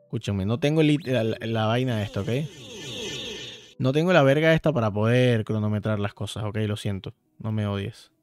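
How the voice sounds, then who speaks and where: A man's voice: fairly low pitch, moderate pace, a little mellow. A man streaming a video game, chatting casually and playfully with viewers and swearing freely. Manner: profane, playful, talks to chat directly. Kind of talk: casual live-stream chat while playing. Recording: dry sound, faint background music.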